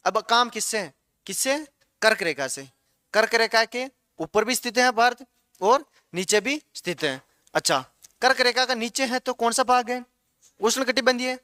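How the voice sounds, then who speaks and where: Male teacher, high ringing voice, dry close sound, drills the class with repeated questions. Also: pushed and bright, smooth, dry recording. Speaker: geography teacher. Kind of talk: classroom lecture.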